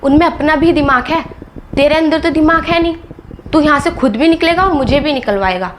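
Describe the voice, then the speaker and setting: A woman playing a defensive, sharp-tongued young daughter-in-law in a family drama skit, scolding indignantly. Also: sits high, slight background noise, lightly acted. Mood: hushed scolding. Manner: indignant scolding, rapid rebukes.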